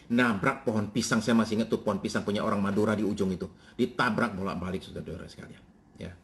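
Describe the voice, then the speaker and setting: A male pastor, preaching a sermon in a church and telling family stories with lively swings in pitch. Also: quick pace, a little hiss or hum.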